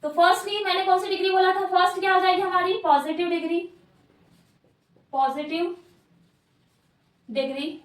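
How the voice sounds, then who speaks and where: High-voiced woman teaching in an echoey room. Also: steady tone, normal speed, pauses often. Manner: asks questions and answers them herself, repeats words. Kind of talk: grammar lesson at a board. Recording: echoey room, mic at a distance.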